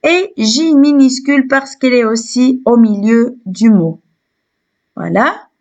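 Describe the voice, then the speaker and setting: A woman's voice: fairly high pitch, slow, darkish tone. A woman teacher with a Tunisian French accent gives a phonics lesson to young children. She spells letters aloud and repeats each syllable several times. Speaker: primary school teacher.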